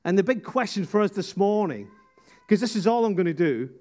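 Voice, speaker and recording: A man preaching a sermon at a church service, retelling a story with lively asides and acted quotes. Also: sits high, a little fast. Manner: animated storytelling, jumping into voices.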